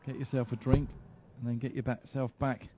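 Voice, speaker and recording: A man giving live darts commentary in a measured, explanatory way. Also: medium pitch, flat delivery, noisy background. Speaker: sports commentator.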